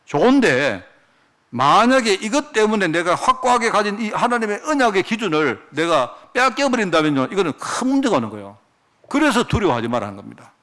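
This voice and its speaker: A man's voice: high-pitched, big pitch swings, fairly quick, fairly bright tone. A male pastor preaching a sermon, firing off rhetorical questions as he goes.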